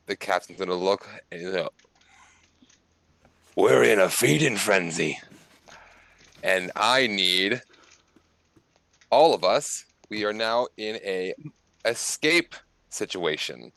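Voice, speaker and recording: A man narrating as game master of a tabletop game, casual and halting, with many fillers. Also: fairly low pitch, expressive, bright, forceful tone, clean tone, dry recording.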